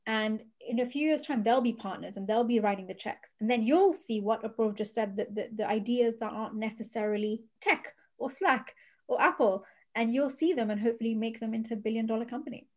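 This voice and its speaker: A woman who founded a venture fund speaks as a panelist in a panel discussion, earnestly explaining her points. Her voice sits on the high side, and she talks a little fast.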